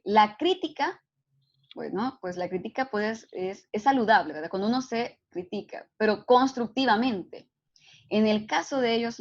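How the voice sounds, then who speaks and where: A woman's voice: a little high, muffled recording. A woman giving a psychology lecture, explaining steadily and often checking in with tag questions. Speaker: psychology instructor. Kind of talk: online lecture.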